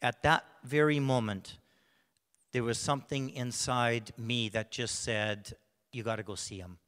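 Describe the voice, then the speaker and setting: Man, church testimony, halting, coughing, smooth voice in a reverberant hall. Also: medium pitch, fairly even intonation, fairly bright tone. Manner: halting, with many restarts and fillers. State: bad cough, clears throat. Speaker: church member sharing a testimony. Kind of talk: personal testimony told to a congregation. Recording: long reverb of a large hall.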